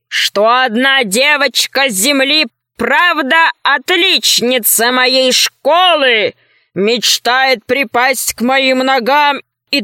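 A woman putting on a masked tyrant general with a slow, drawn-out, booming delivery. He speaks in a bright, forceful tone, condescending and mocking, with a dry, close storybook sound. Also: no echo, full character voice. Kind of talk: audiobook character voice.

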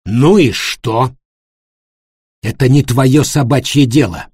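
A man voicing an angry, resentful male hotel worker who shouts scornfully. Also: mid-range voice, slow pace, husky, no echo, clean studio sound. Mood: furious.

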